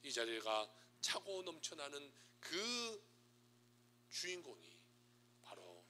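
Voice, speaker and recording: A male pastor preaching a Sunday sermon with a markedly bright, forceful tone and a slightly high voice. He tells the story with drama, rising loud and dropping to a hush. A faint hum sits under the recording. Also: huge pitch swings, takes it slowly. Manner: dramatic storytelling, swings between loud and hushed.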